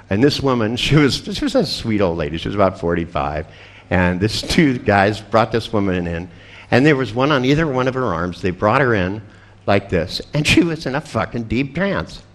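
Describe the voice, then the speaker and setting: Older man with a deep, wry voice. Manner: wry, profane, sardonic asides. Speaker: seminar presenter. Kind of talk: storytelling lecture.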